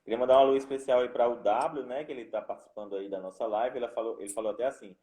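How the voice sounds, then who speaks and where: Mellow-voiced man in an echoey room. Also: medium pitch, fairly even intonation. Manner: measured explanation with hedges and "né?" tags. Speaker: guest speech therapist. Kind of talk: live-stream conversation.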